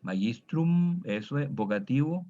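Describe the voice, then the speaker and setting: In an unhurried, patient manner, a man walks his students through each Latin case, drilling declensions and frequently checking they follow with "¿ah?". His voice is pitched in the middle, captured on a dull, lo-fi recording.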